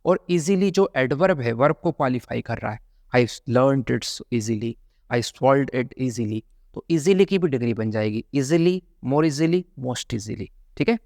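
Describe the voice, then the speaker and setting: A man teaching English grammar for exam prep, chatty and drawing out his examples slowly. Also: mid-range voice, expressive, darkish tone, dry recording, studio quality. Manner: chatty, drills examples slowly, calls viewers brother.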